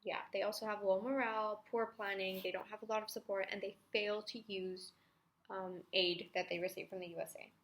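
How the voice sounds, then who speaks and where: A woman's voice: mid-range voice, little pitch movement, brisk, fairly bright tone. Chatty young woman explaining history. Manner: chatty, self-mocking asides, whispers now and then. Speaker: student revising history. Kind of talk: casual study-video explanation.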